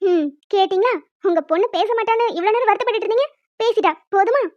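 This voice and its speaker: A woman voicing a calm young wife and mother who soothes her husband with light amusement in a cartoon. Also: very high-pitched, quick pace, no room sound. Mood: soothing. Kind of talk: cartoon voice acting. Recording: dull lo-fi dry recording.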